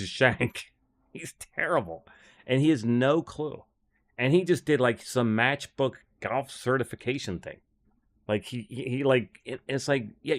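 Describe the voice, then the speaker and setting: A man who coaches golf, chatting on a livestream in a blunt, rambling, scornful way. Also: medium pitch. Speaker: golf instructor and livestream host. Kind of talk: casual livestream chat.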